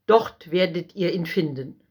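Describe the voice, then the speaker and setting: A woman voicing a frightened, scheming old king who commands and flatters with sly insistence. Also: on the low side, a little slow, slightly rough.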